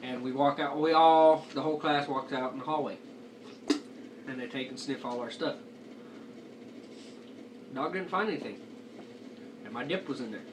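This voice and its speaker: A man's voice: medium pitch, moderate pace, pauses often. A young man giving a casual review as he chats, talking with a lip full of dip. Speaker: amateur product reviewer. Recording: noisy, distant home video microphone.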